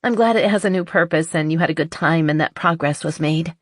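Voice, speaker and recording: A woman voicing a young woman in an audiobook, raising her voice in an emphatic, lively way. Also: sits low, a little fast, no echo, studio quality. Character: flustered young woman, then sweetly teasing. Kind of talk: audiobook character voice.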